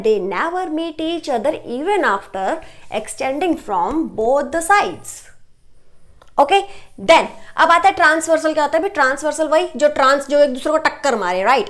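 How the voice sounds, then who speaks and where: A young Indian woman teaching a maths lesson, explaining step by step in Hindi mixed with English terms and often checking in with "right?". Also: sits high.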